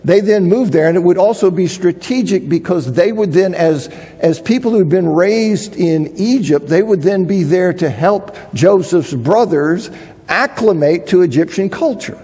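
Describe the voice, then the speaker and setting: Husky man lecturing in a reverberant hall. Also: sits high, unhurried, dark tone. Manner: thinking aloud, restarts, reads quotes aloud. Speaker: Bible teacher. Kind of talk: lecture on biblical archaeology.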